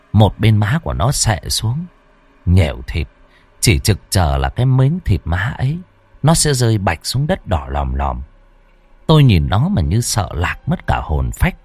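A man's voice: lowish voice, a little mellow, slightly rough. A man narrating a first-person horror story dramatically, acting out the characters' frightened lines. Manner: dramatic, acts out panicked cries and dialogue.

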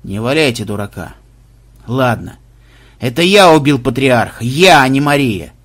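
Man doing a gruff grim executioner. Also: medium pitch, animated, normal speed, fairly bright tone. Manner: gruff, curt, sullen. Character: grim surly male executioner, middle-aged. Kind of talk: audiobook character voice.

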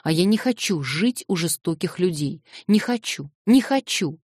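A woman's voice: fairly low pitch, animated, moderate pace, breathy edge, no echo, clean studio sound. A woman reading an audiobook voices a distraught young orphan girl who cries and refuses insistently. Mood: sobbing defiance. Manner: crying, shouting, insistent refusals.

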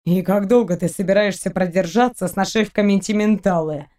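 A woman voicing a calm, teasing alien man, a quiet schemer, in an audiobook. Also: mid-range voice, fairly quick, natural voice.

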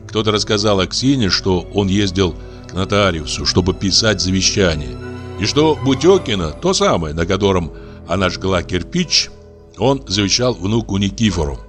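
A man narrating a classic story in a calm, measured audiobook reading. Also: low-pitched.

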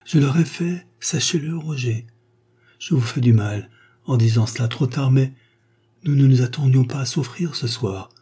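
A man's voice: medium pitch, normal speed, dark tone, slightly rough, lightly acted. A man reading the lines of a refined, proud woman of fifty who earnestly confesses her feelings in a story. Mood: heartfelt. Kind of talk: audiobook reading of a short story.

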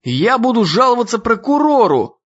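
A man voicing a whiny, indignant fourteen-year-old boy who shouts complaints and threats in an audiobook. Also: high voice, very animated, normal speed, dull audio, voice pushed up, heavily acted. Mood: indignant whining.

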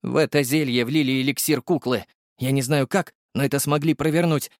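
A man's voice: medium pitch, fairly even intonation, a little fast, dry recording, studio quality, voice pushed up, lightly acted. A man voicing an absorbed young male potion maker explaining his findings. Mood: thoughtful. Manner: musing, expert explaining.

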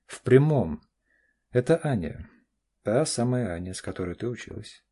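A man's voice: mid-range voice, expressive, normal speed, warm tone, breathy edge. A man voicing a firm, self-assured middle-aged father in an audiobook, speaking curtly and clipped. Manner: curt and clipped. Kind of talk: audiobook character voice.

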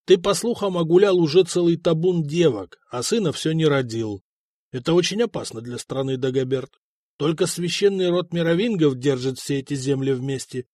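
Man reading old king, stern, domineering, blunt, scornful, slightly high voice, dry close sound. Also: normal speed, a little mellow, dry recording, natural voice. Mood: stern, commanding.

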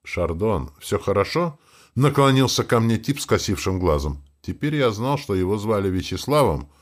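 Low male narrator, lively delivery, expressive first-person audiobook reading. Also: brisk.

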